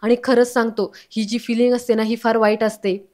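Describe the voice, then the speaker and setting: A woman reading a calm, soothing husband. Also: very high voice, a little fast. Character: calm supportive husband and father.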